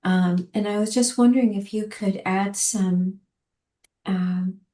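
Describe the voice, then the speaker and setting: A woman's voice: medium pitch, steady tone, takes it slowly, dark tone. Rambling woman caller in an echoey room. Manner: rambling, hesitant, many ums. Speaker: caller asking a question. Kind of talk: casual question on a video call.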